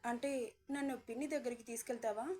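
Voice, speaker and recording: Scared little girl begging through tears, kinda high voice, woman reading it out. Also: fairly even intonation, quick pace, a little mellow, natural voice. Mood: frightened pleading. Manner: pleading and tearful. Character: scared little village girl, a child bride, pleading.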